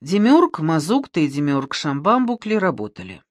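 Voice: mid-range voice, huge pitch swings, normal speed, dry recording, studio quality. A narrator reading a humorous tale in a wry storytelling manner.

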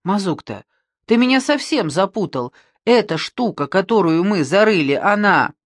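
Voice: medium pitch, very animated, normal speed, slightly rough, dry recording, clean studio sound. A reader voicing a naive, curious male demiurge who keeps asking questions in a storybook tale. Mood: curious, puzzled. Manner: wondering, questioning.

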